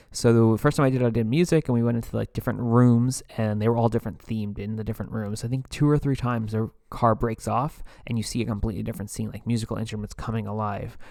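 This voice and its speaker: Guy podcasting about rides, rambly and chatty, gravelly voice, dry close mic. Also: medium pitch, darkish tone, dry recording. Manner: chatty, rambling, with filler words and asides. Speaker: podcast host. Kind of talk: casual theme park review.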